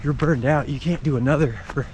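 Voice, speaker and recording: A man's voice: mid-range voice, a little fast, darkish tone, slight background noise, low-quality recording. A man vlogging while jogging outside in the rain, explaining things casually in short, broken phrases. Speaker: running vlogger. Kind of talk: casual explanatory vlog talk while running. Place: outdoors on a run in the rain.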